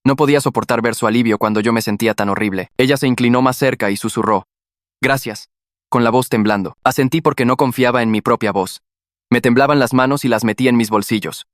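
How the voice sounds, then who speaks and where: A man narrating a scripted first-person story in a brisk, steady read. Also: mid-range voice, dry recording, clean studio sound.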